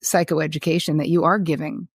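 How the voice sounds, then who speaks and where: A woman's voice: sits low, steady tone, fairly quick, vocal fry, husky, no echo, studio quality. A woman hosting a casual interview, talking candidly and informally, with some casual swearing. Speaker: interview host.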